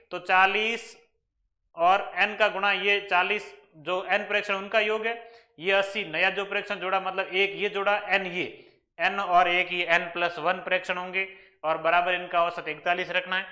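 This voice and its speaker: High bright-voiced maths teacher. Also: male voice. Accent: Rajasthani. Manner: talks through problems step by step, asking and answering his own questions. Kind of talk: exam-prep lesson.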